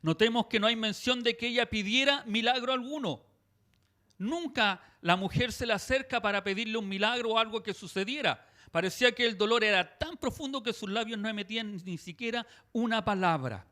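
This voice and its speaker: A Chilean man preaching a sermon as pastor, fervent and punctuated with amens, dropping soft and low when he quotes gentle words.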